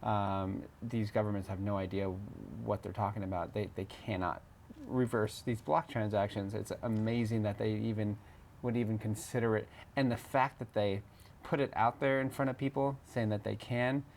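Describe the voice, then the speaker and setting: A man with a somewhat low voice in an informal two-person debate. He is opinionated and emphatic, often restarting or repeating words to stress his point. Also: steady tone, moderate pace, a little mellow, a little hiss or hum. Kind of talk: casual conversational debate.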